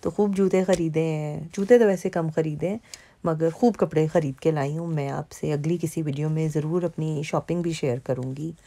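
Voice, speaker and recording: Over footage of a mall, a vlogger from Pakistan talks in a low, mellow voice with a steady tone and normal speed. Her narration is relaxed and conversational, full of fillers.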